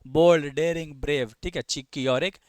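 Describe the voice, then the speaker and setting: A man's voice: on the high side, fairly even intonation, normal speed, a little mellow, no room sound. A man teaching exam vocabulary, often asking the students questions and then answering for them.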